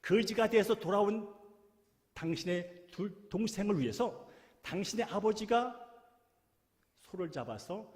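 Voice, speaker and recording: A man's voice: high voice, animated, measured pace, pauses often, in a large hall, voice pushed up. A man voicing a household servant who delivers news urgently and emphatically.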